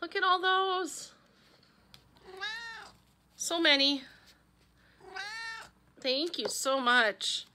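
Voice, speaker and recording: Bright, high-voiced gushing woman vlogger. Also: very slow, long pauses, slight background noise. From Wisconsin, USA. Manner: gushing, chatty, talks to her pet. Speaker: vlogger opening fan mail. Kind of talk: casual chat.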